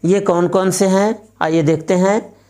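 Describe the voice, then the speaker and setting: A woman teaching a recorded Sanskrit lesson, reciting each rule several times in a slow, measured chant before explaining it. She asks the class questions and answers them herself. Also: lowish voice, fairly even intonation, mellow.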